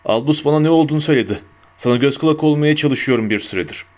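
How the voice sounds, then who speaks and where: A man voicing a grumpy, defiant old male barman with a hoarse, gruff voice in an audiobook reading. He barks scornful retorts. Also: a little high, racing, darkish tone, close to an everyday voice. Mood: gruff, grave. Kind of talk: audiobook character voice.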